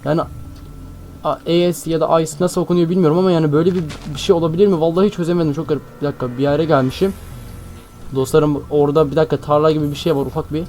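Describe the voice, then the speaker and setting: A young man host commentating a game, excitable and jumpy, constantly talking to his viewers. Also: fairly high pitch, rapid-fire. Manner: excitable, jumpy, keeps addressing viewers as friends. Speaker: gaming channel host. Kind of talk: Minecraft let's-play commentary. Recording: faint background music.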